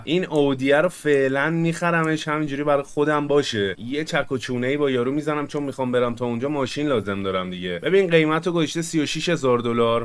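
A man hosts a casual let's-play, his voice sitting at an ordinary middle pitch. He keeps up a loose, joking running commentary, half to himself and half to his viewers. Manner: chatty, jokey, talks to himself and viewers while playing. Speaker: gaming channel host.

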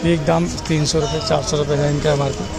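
A man's voice: a little high, level tone, fast talker, music in the background. A man walking through a busy market and chatting to viewers as his friends in a casual travel vlog. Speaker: travel vlogger. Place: busy outdoor street market. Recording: noisy crowded street, outdoor camera mic. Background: crowd chatter and traffic.

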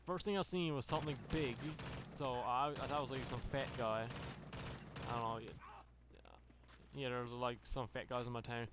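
At normal speed and in a steady, medium-pitched tone, a man hosting a gaming channel rambles through a long, profane story full of fillers and restarts. The recording is very noisy, with video game gunfire behind.

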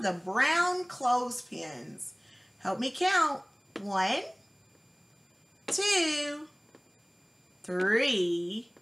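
A woman's voice: a little high, creaky, pushed and bright. A woman teaching a child to count, speaking as an encouraging teacher who asks questions and gives praise. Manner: slow, deliberate counting aloud.

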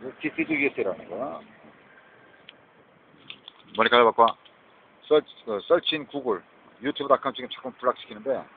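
A man's voice: mid-range voice, animated, normal speed, long pauses. A man talking to his viewers in a rambling monologue, mixing English words in and often tossing out a questioning "eh?". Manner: rambling, mixes English words into Korean, keeps asking "eh?". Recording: tinny phone-like audio with faint noise.

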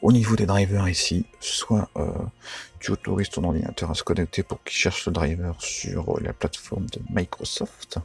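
A man's voice: low voice, steady tone, normal speed, gravelly, soft background music. A man giving a casual, informal how-to tutorial, chatty and full of fillers and self-corrections. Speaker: radio tutorial maker.

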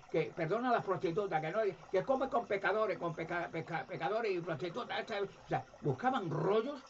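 A man with a Spanish accent giving an impassioned monologue, emphatic, repeating words and acting out quoted voices. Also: a little high. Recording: dull lo-fi audio with loud background noise.

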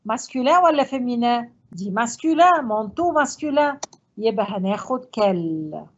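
A woman French teacher with an Egyptian accent, reviewing for an exam and mixing French with quick Arabic explanations. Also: a little high, animated, husky, muffled recording.

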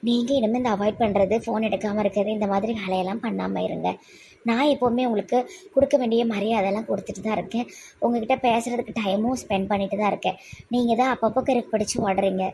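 A woman's voice: mid-range voice, fairly even intonation, fast, creaky, dark tone, a little hiss or hum, lightly acted. A woman playing a tender-hearted young clinic doctor in a comedy skit, with a Tirunelveli Tamil accent and a tearful, exclaiming manner. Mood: scolding. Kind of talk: amateur comedy skit acting.

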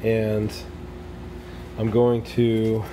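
A man's voice: on the low side, completely flat delivery, drawn-out words. Chatty man explaining in a noisy workshop. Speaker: DIY video host. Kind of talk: casual workshop how-to narration. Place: home garage workshop.

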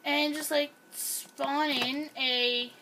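Drawing out her words, a young gameplay host speaks in a high voice with fairly even intonation, chatting and rambling casually while playing. The background is noisy, and a camera pointed at the screen recorded her.

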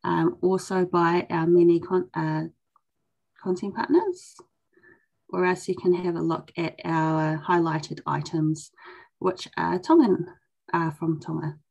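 A woman's voice: on the low side, steady tone, slow pace, vocal fry, a little mellow, poor audio. A young woman casually presenting as host of an online session. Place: indoors on a video call.

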